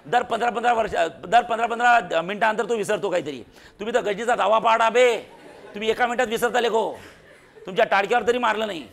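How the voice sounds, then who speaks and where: A man's voice: high voice, quick pace, vocal fry, fairly bright tone, a faint crowd. A man teaching a physics class in a classroom, quizzing and teasing his students with jokes. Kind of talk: classroom lecture.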